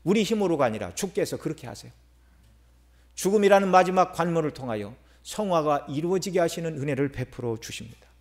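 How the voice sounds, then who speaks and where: A middle-aged male pastor delivering a sermon, with rising emphasis and dramatic pauses. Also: a little high, expressive.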